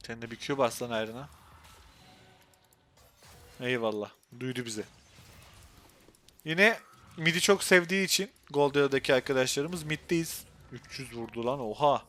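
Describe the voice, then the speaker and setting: On a live stream, a young man with a Turkish accent talks through the game he's playing, his mid-range voice heard over slight background noise. He's excitable, shifting rapidly from quiet muttering to bursts of frustration.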